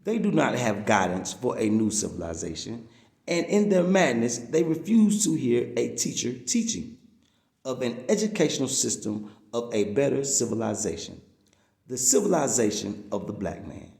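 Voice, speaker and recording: Preaching his way through a written religious-political message, a man stretches out each stressed word with emphasis. His mid-range voice is gravelly and darkish, sing-song at a normal speed. The room is echoey.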